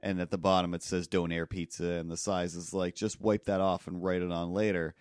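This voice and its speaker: Deep-voiced man telling a rambling story. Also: little pitch movement, a little fast, smooth, no echo, clean studio sound. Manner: rambling, acts out people yelling in loud bursts. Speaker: podcast co-host. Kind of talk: casual storytelling chat.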